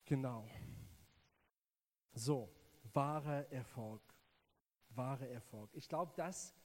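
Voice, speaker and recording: Here a native English-speaking man from South Africa delivers a sermon with his local accent, earnest and hesitant, repeating words often while addressing the listener directly. His mid-range voice has a darkish tone, and the low-quality recording carries a slight hiss or hum.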